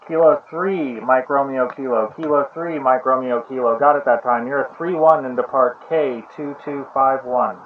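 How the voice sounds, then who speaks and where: Man, ham radio calls, phonetic call signs, distant muffled mic, heavy noise. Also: medium pitch. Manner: repeats call signs slowly, brisk and procedural. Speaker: amateur radio operator. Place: outdoors in a state park.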